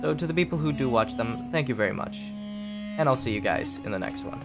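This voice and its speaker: A man who sounds sick, hosting his gaming channel with easygoing, rambling gameplay commentary full of pauses. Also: medium pitch, animated, over music. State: sick, stuffy voice.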